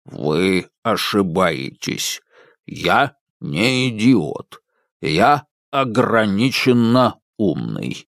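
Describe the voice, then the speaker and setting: Man doing a slow rumbling household robot. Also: dry recording, clean studio sound, heavily acted. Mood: earnest. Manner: slow, flat, self-important.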